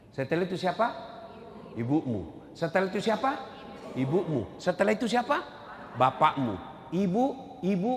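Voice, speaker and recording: A middle-aged man preaching a humorous sermon to a hall audience, joking and acting out quotes with big swings in his voice. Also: noisy background. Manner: lively, jokey, acts out quotes with big pitch swings. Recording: echoey hall, faint ambience.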